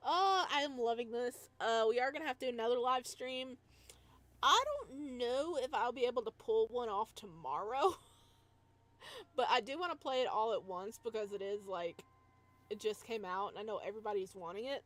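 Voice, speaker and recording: While playing a visual novel, a woman live streamer chats casually, rambling in a giggly, playful way. Her voice is fairly high, a bit bright, animated and moderately paced, with no echo.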